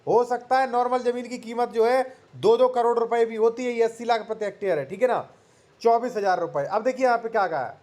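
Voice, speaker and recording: Guy with a pretty high voice chatting through a legal notice, keeps checking in with his viewers. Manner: conversational, repeats "theek hai" to check in with listeners; explains slowly, reads figures from a document and restates them. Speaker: legal advice channel host. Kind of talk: casual explainer to camera.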